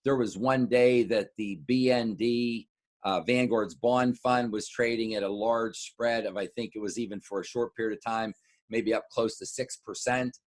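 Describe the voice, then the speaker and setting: Clients hear an informal market update from a middle-aged American wealth adviser whose voice is mid-range and even in tone. He tends to pause, repeat words, and add side explanations as he goes.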